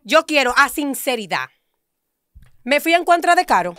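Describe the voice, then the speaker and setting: Loud, emphatic radio co-host, high and bright, dry studio. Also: female voice, sing-song, normal speed, no room sound. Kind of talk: heated studio argument.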